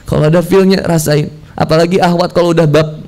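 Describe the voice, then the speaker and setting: A man's voice: on the high side, brisk. A man giving a casual sermon, telling stories and acting out heartfelt prayers. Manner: slangy, animated storytelling with prayers acted out. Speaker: preacher.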